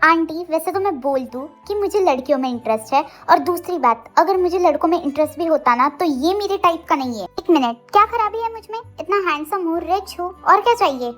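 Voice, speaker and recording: A cocky young man who brags and jokes with his friends, played by a woman narrator. He speaks in a lowered put-on voice over soft music in this audio story. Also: animated, brisk, hardly any pauses. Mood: playful. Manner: boastful, joking. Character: cocky young male best friend, playful.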